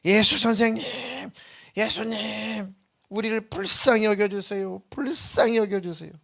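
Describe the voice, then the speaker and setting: A man's voice: a little high, normal speed, lightly acted. A man crying out as desperate lepers. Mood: pleading. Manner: pleading, crying out loudly.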